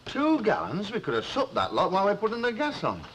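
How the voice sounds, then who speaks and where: A man's voice: high voice, huge pitch swings, a little fast, a bit bright, exaggerated voice. An actor playing a grumbling, impatient, joking Northern English man in a 1960s British TV soap. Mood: comic grumbling. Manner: wisecracking, exclamatory. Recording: noisy 1960s TV soundtrack, clicks.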